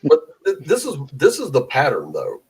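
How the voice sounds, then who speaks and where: A man's voice: fairly high pitch, huge pitch swings, normal speed, breathy edge, soft background music, poor audio. A man co-hosting a political talk show, sardonic and storytelling, swearing casually. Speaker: co-host. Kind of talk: heated political chat.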